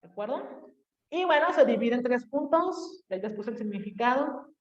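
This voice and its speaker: A woman teacher from Mexico with a Jalisco accent lectures her class, talking casually and checking in with her students. Her voice sits a little high. The recording is dull and lo-fi, picked up from a distance in an echoey room. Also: expressive, normal speed. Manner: chatty, addresses students directly with tag questions.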